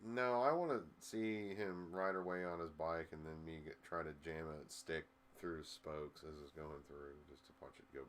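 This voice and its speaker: A man's voice: a bass voice, moderate pace, few pauses, fairly bright tone, a little hiss or hum. A man co-hosting a casual sports chat, laid-back and rambling, swearing now and then. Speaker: podcast co-host.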